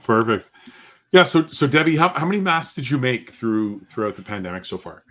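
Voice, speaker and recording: A man hosting a podcast in casual chat, with a halting, conversational delivery. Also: medium pitch, big pitch swings, a bit bright. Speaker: podcast host.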